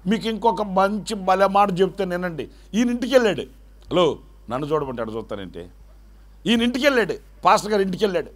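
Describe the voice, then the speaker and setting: A man pastor preaching a lively sermon, asking the congregation questions and acting out the story. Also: high voice. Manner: animated call-and-response preaching.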